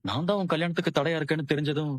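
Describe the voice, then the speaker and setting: An actor playing a brother who speaks in a pained, pleading way in a TV serial. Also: male voice, fairly high pitch, steady tone, racing, no echo, lightly acted. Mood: hurt. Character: hurt brother blaming himself.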